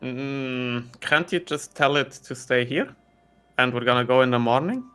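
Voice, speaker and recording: A young man playing in a tabletop game session. He talks in an easygoing, mid-pitched voice and sometimes trails off while he works out what to say. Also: animated, measured pace, a bit bright, clean tone, soft background music. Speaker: player. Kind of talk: casual tabletop game chat.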